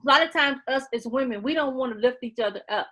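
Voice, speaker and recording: Bright, earnest woman in her forties. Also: sits high, fast talker, poor audio. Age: 40s. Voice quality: loud by nature. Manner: earnest, preachy, repeats herself. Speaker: guest. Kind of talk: casual interview talk.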